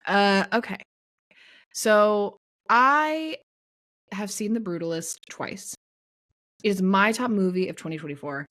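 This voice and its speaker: A young woman co-hosting a casual podcast chat, animated and enthusiastic as she talks. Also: mid-range voice, measured pace, long pauses. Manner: animated, enthusiastic, breaks into song. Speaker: podcast co-host.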